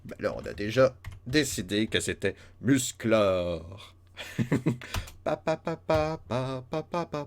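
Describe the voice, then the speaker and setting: A man gives casual, playful commentary on a game, joking along as he plays. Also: lowish voice. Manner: playful, joking, many fillers and restarts. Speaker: let's play host.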